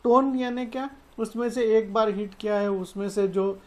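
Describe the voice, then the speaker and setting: A woman with a Marathi-influenced Hindi accent gives a classroom science lecture explaining slides, working step by step, mixing in English terms and often saying "okay" as filler. Her medium-pitched voice is darkish and steady at a normal speed.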